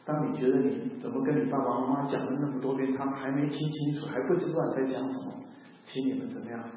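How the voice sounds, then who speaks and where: A male pastor in his sixties gives a chatty sermon and keeps checking in with his listeners. His voice booms through a large, reverberant hall with a long echo tail, and the recording sounds a little dull. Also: steady tone, quick pace, slight background noise. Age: 60s. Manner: conversational, keeps asking the congregation questions, mixes in English phrases.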